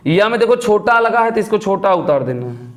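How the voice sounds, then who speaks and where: High-voiced male teacher in an echoey room. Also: very animated, a little fast. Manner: repeats questions and answers them himself. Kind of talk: classroom grammar lesson.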